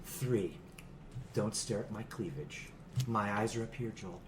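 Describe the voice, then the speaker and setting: A man's voice: fairly low pitch, expressive, a little slow, noisy background. A man hosting a comedy movie-review podcast, talking in a mock-earnest, joking way and often laughing. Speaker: podcast host.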